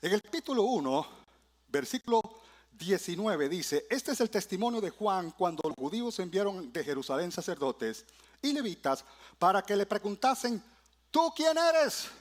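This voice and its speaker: A man preaching a sermon in a church, swinging from loud exclamations to hushed, low phrases. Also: animated, moderate pace.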